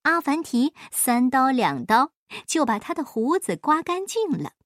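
A woman reads a children's folk tale aloud in an expressive, measured way. Her fairly high voice rises and falls widely at an unhurried pace. The recording is dry and close. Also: no room sound. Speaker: storyteller. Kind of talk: children's story reading.

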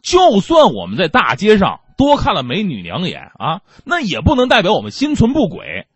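A man's voice: high-pitched, normal speed, husky, no room sound. A man hosting a stand-up comedy show, telling stories with playful self-mockery and acting out the people in them. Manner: animated storytelling with acted-out quotes.

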